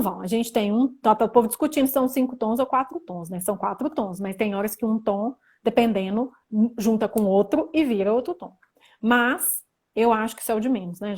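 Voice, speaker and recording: A woman's voice: fairly high pitch, fairly quick. A young woman from Brazil hosting a casual livestream lesson, chatting and reading viewer comments aloud. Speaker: livestream host teaching Mandarin.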